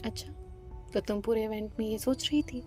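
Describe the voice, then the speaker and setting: A cool, unbothered young woman in charge, speaking quietly and evenly, voiced by a female narrator. Faint music plays behind her. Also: fairly high pitch, brisk, husky. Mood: calm. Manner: quiet, even, composed.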